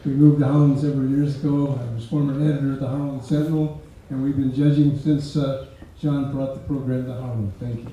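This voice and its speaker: A man's voice: medium pitch, little pitch movement, fairly quick, mellow, highs cut off. An older American man briefly introducing himself to an audience at a live event. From United States. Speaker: competition judge. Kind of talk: brief public self-introduction. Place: event tent with seated audience. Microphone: handheld stage microphone. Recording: very echoey tent, faint noise.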